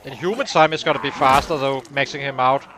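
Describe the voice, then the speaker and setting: A man's voice: mid-range voice, fast, noisy background. A man hosting a let's play, thinking aloud as he works through the numbers behind his progress. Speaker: gaming channel host.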